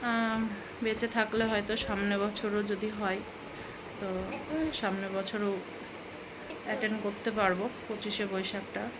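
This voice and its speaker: A woman's voice: mid-range voice, flat delivery, unhurried, pauses often. A woman in her thirties from Bengal, chatting casually and rambling in a home vlog, now and then soothing a toddler. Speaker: vlogger. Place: home room with fans running. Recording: noisy home phone recording.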